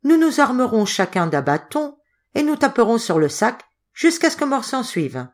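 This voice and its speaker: A snarling, merciless innkeeper from a storybook, voiced by a woman reader. He barks orders in a raised, hard voice through clenched teeth. The delivery is commanding and loud. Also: fairly high pitch, sing-song, normal speed, voice pushed up. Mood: harsh. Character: cruel scheming male innkeeper, furious.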